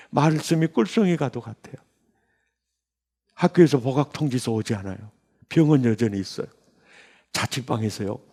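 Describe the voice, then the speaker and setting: A man in his sixties, a pastor, telling his testimony in a sermon with emotional storytelling that jumps into high bursts. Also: gravelly, mellow, husky. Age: 60s. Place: church sanctuary.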